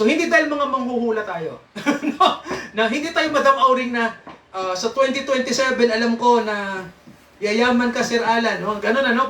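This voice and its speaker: Sharp in tone and very high in pitch, a man's voice carries through a church as he teaches from the Bible, testing the congregation with frequent tag questions and often chuckling. The mic is distant and the room echoes.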